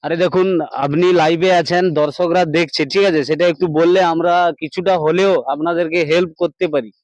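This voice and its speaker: A man playing a parody news anchor, an excitable, mock-earnest TV reporter, wordy and repetitive. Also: fairly high pitch, a little fast, lightly acted. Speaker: host of a parody news show. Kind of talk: parody news anchor, live street interview.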